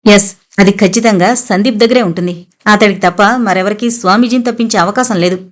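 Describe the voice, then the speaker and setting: A woman's voice: medium pitch, fast talker, close to an everyday voice. Woman voicing a stern police inspector. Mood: accusing. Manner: blunt, commanding.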